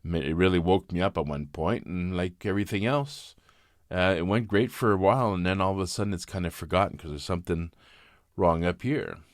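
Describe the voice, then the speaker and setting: Brief: fifties man, deep voice, dry close sound, halting confessional vlogger. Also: no room sound. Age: 50s. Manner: halting, reflective, frequent restarts. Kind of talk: candid personal vlog.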